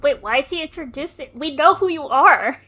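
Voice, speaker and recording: A woman streamer reacting to a game in casual, excitable, joking chat. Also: sits high, brisk.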